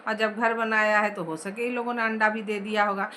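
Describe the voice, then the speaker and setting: A woman voicing a soft-hearted, teasing middle-aged mother in a story read aloud in class. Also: sits high, expressive, normal speed, a little hiss or hum. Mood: coaxing. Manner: gently mocking, reasoning.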